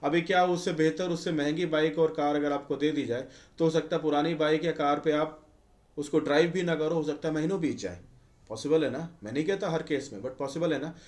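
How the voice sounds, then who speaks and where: A man's voice: a little high, brisk, darkish tone. A male chemistry teacher giving a conversational exam-prep lecture, often asking students rhetorical questions. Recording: echoey room.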